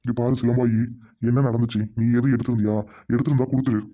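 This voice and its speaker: A man's voice: mid-range voice, fairly even intonation, fast, highs cut off, natural voice. An actor playing a greedy, harsh son and husband who scolds his family bluntly in a village family skit. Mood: stern.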